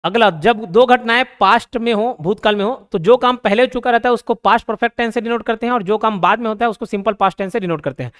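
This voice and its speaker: A young man with a Hindi accent teaching grammar, explaining patiently, repeating key points and reading English example sentences slowly. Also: high voice, a bit bright. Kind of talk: grammar lesson.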